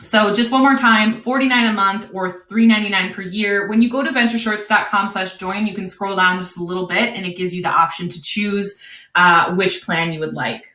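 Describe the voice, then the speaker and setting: A woman with a Wisconsin accent hosting a live webinar, pitching an online course in an upbeat, chatty way with frequent laughs. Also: steady tone, brisk, bright, forceful tone, echoey room.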